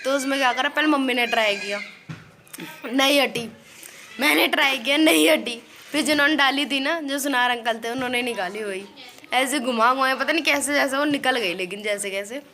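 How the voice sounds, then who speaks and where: A woman's voice: high voice, quick pace, pushed and bright. A young woman vlogger telling a story in a chatty way, laughing often as she talks. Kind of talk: casual storytelling vlog.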